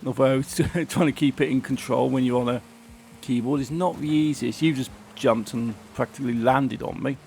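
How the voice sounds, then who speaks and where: Hoarse from a sore throat, a man hosting a gaming channel plays a racing game and complains about it in a chatty way. His voice is medium in pitch, darkish in tone, with vocal fry.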